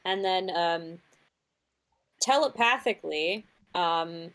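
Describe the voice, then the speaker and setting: A woman's voice: fairly low pitch, slow pace, fairly bright tone. A woman chatting casually as a player in a tabletop game, playful and giggly.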